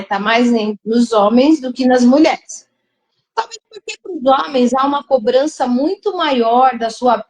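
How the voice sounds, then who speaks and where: Slow-spoken high-voiced woman host. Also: low-quality recording. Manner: slow, reflective, searching for words. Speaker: host of a live discussion. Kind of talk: moderating a live discussion.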